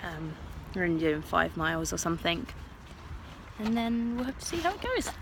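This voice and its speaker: A woman gives a casual, unscripted update for a running vlog. Her voice is on the low side, with some faint noise behind her. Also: sing-song, normal speed, vocal fry. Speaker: amateur runner vlogging. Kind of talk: casual chat to camera.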